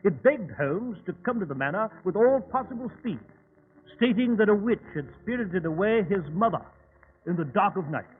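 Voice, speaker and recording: High-voiced, gentlemanly Doctor Watson. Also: male voice, animated, normal speed. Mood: storytelling, grave. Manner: formal, dramatic storytelling. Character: earnest, astonished gentlemanly doctor and storyteller. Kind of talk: old-time radio drama acting and narration. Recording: tinny old radio recording.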